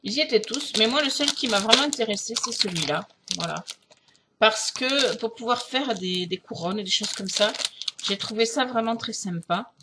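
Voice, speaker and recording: A woman's voice: fairly high pitch, animated, normal speed, very noisy. A middle-aged woman from France chatting casually through a craft haul, hesitant, with many fillers and restarts. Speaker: craft vlogger.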